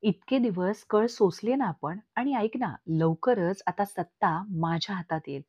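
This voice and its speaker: A woman's voice: medium pitch, a little slow, mellow, husky, no room sound. Woman reading as an ambitious frustrated uncle. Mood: pleading. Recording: dull lo-fi recording.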